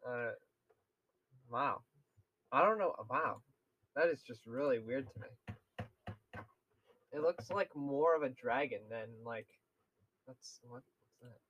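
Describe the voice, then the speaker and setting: A man's voice: medium pitch, takes it slowly, pauses often, a bit bright, highs cut off, a little hiss or hum. A young man co-hosting a casual podcast chat, rambling with lots of fillers and laughs. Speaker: podcast co-host.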